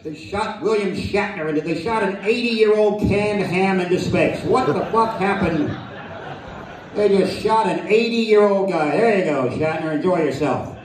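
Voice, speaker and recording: A middle-aged American man delivers a stand-up set in a dry, sardonic, foul-mouthed manner. His voice sits slightly high, and it is picked up from some distance. The venue around him rings with heavy echo. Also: measured pace, crowd noise. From United States. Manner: deadpan, sardonic, profane rants. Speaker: stand-up comedian. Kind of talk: stand-up comedy routine. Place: live comedy venue with audience laughter. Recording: echoey distant venue recording.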